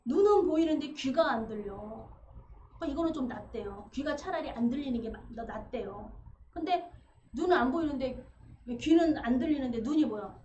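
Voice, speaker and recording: A woman preaching a sermon in a church, animated and acting out the voices she quotes. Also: high-pitched, normal speed. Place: church sanctuary. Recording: roomy, slightly dull livestream with faint hiss.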